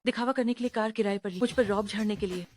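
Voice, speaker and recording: An actress playing an arrogant company executive who speaks to a job seeker with scorn and condescension. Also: female voice, mid-range voice, fast, a little mellow, slight background noise, close to an everyday voice. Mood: haughty scornful. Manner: sneering, condescending. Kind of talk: dubbed short drama.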